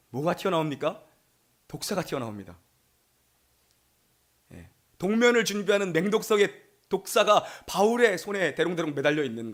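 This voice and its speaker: Pastor telling stories in a sermon. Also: male voice, sits high. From Gyeonggi Province, Korea. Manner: conversational storytelling sermon, acts out dialogue.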